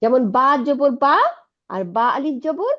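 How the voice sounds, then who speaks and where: A woman's voice: high-pitched, measured pace, lo-fi sound. A woman teaching an Arabic lesson, patiently explaining and asking her students checking questions. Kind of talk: online Quranic Arabic lesson.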